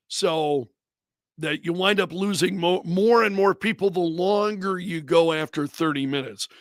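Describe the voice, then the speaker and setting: A man's voice: high voice, fairly bright tone, no echo, clean studio sound. A man hosting a casual livestream chat, talking loosely to his viewers with frequent restarts and asides. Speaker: radio host and brand manager.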